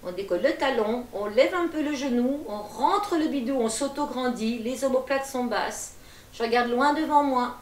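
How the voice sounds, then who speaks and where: High-voiced woman coaching a gentle workout. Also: moderate pace. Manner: calm, encouraging, folksy. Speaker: gentle gym instructor. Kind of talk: guiding a seated exercise class. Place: attic room at home, indoors. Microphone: far camera. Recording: echoey room from far off.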